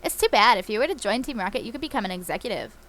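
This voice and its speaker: A woman's voice: fairly high pitch, animated, racing, fairly bright tone. Haughty villain commander, read by a woman. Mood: smug. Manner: reading game dialogue aloud, mock-menacing.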